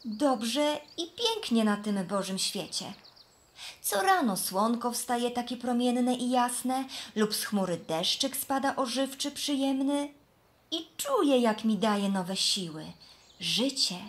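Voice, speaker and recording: A woman's voice: a little high, lively intonation, slow pace. A woman voicing a naive, cheerful young flax plant in a children's storybook. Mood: joyful. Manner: gentle, earnest.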